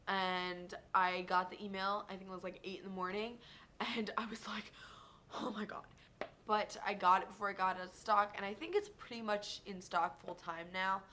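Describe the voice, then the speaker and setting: Young woman, beauty vlogger, gushing and excitable, bright sharp voice, faint rumble behind. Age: young adult. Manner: gushing, excitable, says amazing a lot. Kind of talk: casual favorites vlog.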